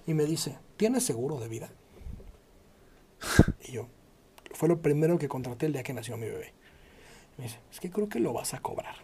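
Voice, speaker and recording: A man in his thirties with a Mexican Spanish accent, telling a story to a friend. His voice is dark and mellow, and he acts out every line of dialogue, jumping into sudden high-pitched shouts. He swears freely and keeps the telling lively. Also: husky. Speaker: guest telling a personal story. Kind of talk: casual conversational storytelling.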